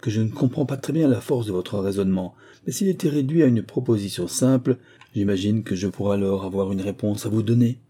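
A man's voice: lowish voice, a little fast, warm tone, husky. A man voicing an eager, self-important young man in an audiobook, speaking in a pompous tone. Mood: earnest. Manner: eager, pompous, then flustered. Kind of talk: audiobook character reading.

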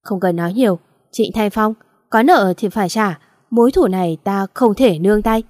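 A bitter, vengeful middle-aged father hurls loud accusations, as a woman storyteller voices him. His voice is warm and mellow, recorded dry and close with no room sound. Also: mid-range voice, moderate pace, no room sound, lightly acted. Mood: bitter, accusing.

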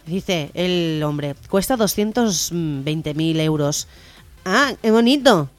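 A woman's voice: fairly low pitch, lively intonation, slow pace, faint music behind. A young woman co-hosting a community radio humor show, telling jokes and laughing along.

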